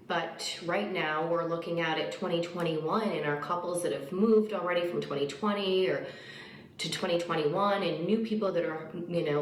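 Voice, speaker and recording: Low-voiced woman, echoey testimonial. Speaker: catering business owner. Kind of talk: informal personal testimonial. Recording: echoey, noisy video played at an event.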